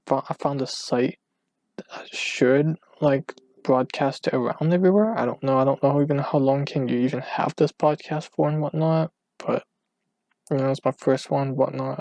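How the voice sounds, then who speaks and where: A man's voice: medium pitch, gravelly, darkish tone, no room sound. A man hosting his first solo podcast from home at night, rambling and hesitant, often out of breath, on a cheap microphone. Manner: meandering, hesitant, full of restarts and fillers. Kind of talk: rambling casual monologue.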